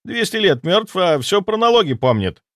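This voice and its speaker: A panicked ghost soldier from another century, as a man reads him, bursting out in high, strained shouts. He reports in a breathless, indignant rush, his voice leaping all over the place. Dry, close audiobook sound. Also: sing-song, moderate pace, no echo, heavily acted. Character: frantic ghost of an old-time male army officer. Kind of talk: audiobook character voice.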